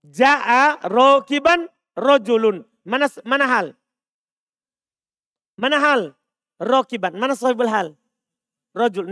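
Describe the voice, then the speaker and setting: High-voiced man quizzing an Arabic grammar class. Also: fairly bright tone, no echo, studio quality. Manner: quizzing students with repeated questions; mixes Arabic terms with Indonesian explanation. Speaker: Islamic studies teacher.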